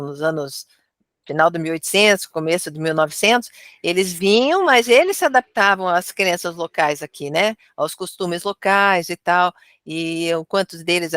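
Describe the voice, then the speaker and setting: A woman with a Brazilian accent discussing religion in a study group, chatty and filling pauses with little tags. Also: low-pitched, a bit bright, no echo, clean studio sound. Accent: Brazilian Portuguese. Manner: chatty, fills with "né" and "tal".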